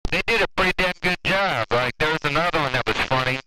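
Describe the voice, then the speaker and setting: Man, ham radio chatter, crude laughing storyteller, steady static hiss behind. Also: fairly high pitch, fast talker. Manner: loose, profane storytelling, laughs easily. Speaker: radio operator. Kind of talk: casual radio chat. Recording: static-filled two-way radio.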